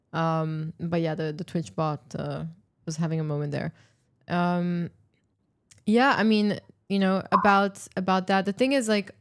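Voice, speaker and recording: A woman hosting a casual livestream chat, chatty and quick to laugh, reading viewer questions aloud. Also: lowish voice, darkish tone. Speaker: podcast host.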